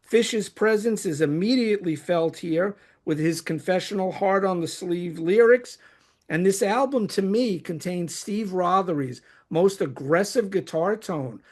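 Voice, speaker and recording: A man's voice: high voice, a little slow, a little mellow. A man with a New York accent, hosting and reading from prepared notes as he ranks favourite songs. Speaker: host.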